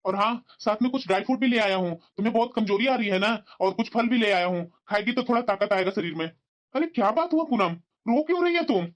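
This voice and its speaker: A woman's voice: medium pitch, animated, fast, lightly acted. A woman voicing a caring young husband and son in a cartoon, who argues back in an earnest, reasoning tone. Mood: arguing.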